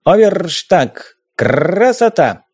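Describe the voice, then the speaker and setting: A man voicing an excitable male parrot that squawks short shrill words in an audiobook. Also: extremely slow, creaky, husky, full character voice. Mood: squawking.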